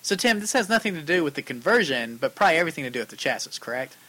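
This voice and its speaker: Bright fast-talking male co-host. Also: on the high side. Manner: reads out listener letters, lively and talkative. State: losing his voice. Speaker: co-host answering viewer questions on arcade repair. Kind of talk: casual podcast chat.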